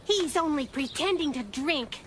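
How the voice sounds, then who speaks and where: Very high-pitched, quick-witted cartoon little girl. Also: lively intonation, a little hiss or hum. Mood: dry, doubting. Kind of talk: children's cartoon dialogue. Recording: loud music behind.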